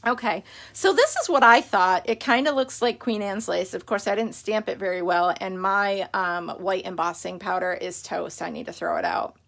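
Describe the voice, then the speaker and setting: A woman's voice: mid-range voice, moderate pace, gravelly, fairly bright tone. A middle-aged woman hosting a casual live craft stream, chatty and rambling, greeting viewers by name while she has the hiccups.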